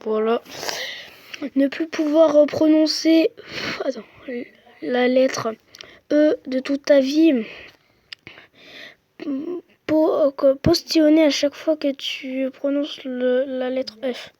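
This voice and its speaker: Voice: sits high, steady tone, slow pace, pauses often, mellow, no room sound, dull audio. A young speaker giving casual, slangy commentary while playing a quiz game on a phone, chatting to viewers. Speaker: gamer playing a quiz app. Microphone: phone microphone.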